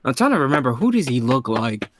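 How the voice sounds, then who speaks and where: Brief: young male co-streamer, bright dry voice, low-key joking. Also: sing-song, fast, no room sound. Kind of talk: casual chat.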